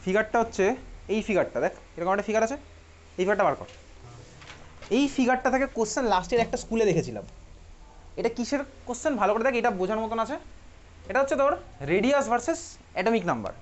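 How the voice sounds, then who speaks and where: A man's voice: sits high, expressive, fast, long pauses, slight background noise. A man teaching a chemistry class with a Bengali accent, chatty and teasing, often asking the students questions. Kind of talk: classroom lecture. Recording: dull lo-fi classroom recording.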